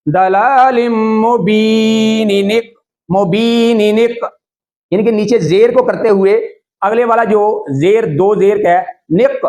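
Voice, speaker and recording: A man with a Pakistani Urdu accent teaching tajweed step by step, slowly chanting Arabic words syllable by syllable and checking that viewers follow. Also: high voice, a little mellow. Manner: asks the viewer if it is clear. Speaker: Quran recitation teacher.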